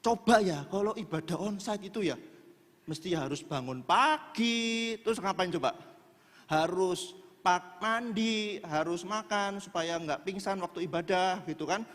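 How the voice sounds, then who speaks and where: A man's voice: sits high, measured pace, fairly bright tone. A male preacher, giving a chatty sermon and joking with the congregation in a church. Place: church in a large hall. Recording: echoey church hall.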